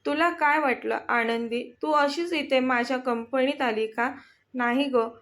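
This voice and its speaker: A woman voicing a young male company boss who earnestly pleads with the woman he loves. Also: sits high.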